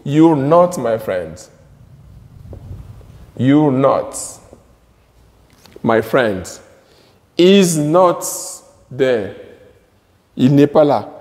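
Slow-talking man teaching at a board. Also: mid-range voice, animated, a little mellow, long reverb tail. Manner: drills words by repeating them slowly. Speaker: English teacher. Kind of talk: slow classroom explanation at a board.

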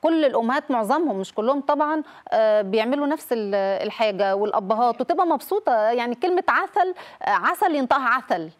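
A woman's voice: on the high side, expressive, rapid-fire. A woman speaking with an Egyptian accent, a family counselor explaining children's speech problems on a TV talk show and acting out mispronounced words. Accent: Egyptian Arabic.

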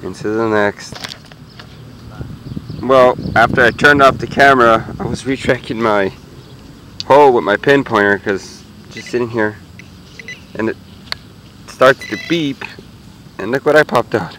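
A man's voice: mid-range voice, unhurried, long pauses, fairly bright tone, slight background noise, rough recording. A man chatting casually to his viewers while metal detecting outdoors in a park. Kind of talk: casual narration to camera.

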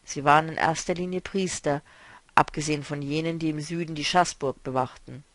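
A man reading a novel aloud, voicing a weary, melancholy male traveler who speaks quietly and broodingly. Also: fairly high pitch, steady tone, brisk, dry recording, natural voice. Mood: explaining.

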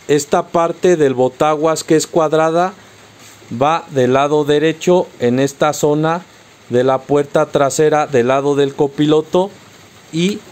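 A Mexican man walks viewers through a how-to in a slightly high voice. He speaks slowly and patiently, giving each step as a direct instruction. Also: darkish tone. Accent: Mexican Spanish. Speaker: car accessory tutorial host.

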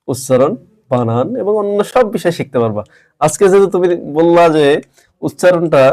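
A man teaching a grammar lesson, explaining rules patiently step by step and repeating words slowly. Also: fairly high pitch, darkish tone.

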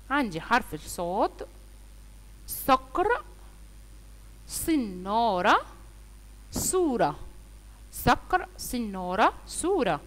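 A woman teacher with an Egyptian Arabic accent, slowly sounding out letters and words for young children and praising them often. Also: fairly high pitch, long reverb tail. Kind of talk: online phonics lesson for young children.

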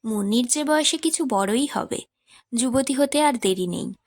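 A woman narrating a literary short story as an audiobook, in a measured, expressive reading. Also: fairly high pitch, no room sound.

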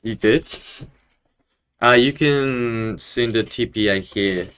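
A man's voice: mid-range voice, slow pace, fairly bright tone, clear, resonant tone. A young man with a broad New Zealand accent, chatting casually and slangily in a laid-back way while streaming a game. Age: young adult. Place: small indoor room at home.

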